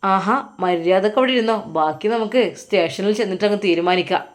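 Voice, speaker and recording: A domineering policeman who taunts and orders people about, acted by a woman narrator. His talk is brusque and quick, with a middle pitch. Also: lightly acted. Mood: bossy, mocking. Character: gruff male police officer, mocking and bossy. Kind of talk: storytelling.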